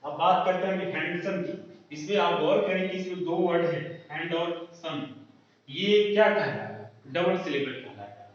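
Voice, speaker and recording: A male English teacher giving a classroom grammar lesson, explaining slowly and answering his own questions at a board. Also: fairly high pitch. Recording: roomy echo, distant lo-fi mic.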